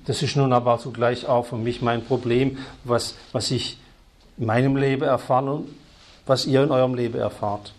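A man preaching a sermon, emphatic and repetitive, swinging between loud stressed words and hushed asides. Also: mid-range voice, steady tone, moderate pace.

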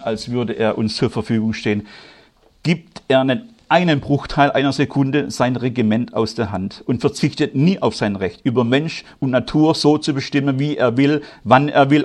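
A German-speaking man preaching a sermon, moving from quiet, measured delivery to loud, high, emphatic passages. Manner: grows loud and high-pitched when stirred, slow emphatic stresses.

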